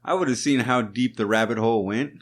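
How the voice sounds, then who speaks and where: Co-hosting a podcast, a man chats casually and tells stories full of jokes and swearing. His voice is mid-range and his delivery brisk.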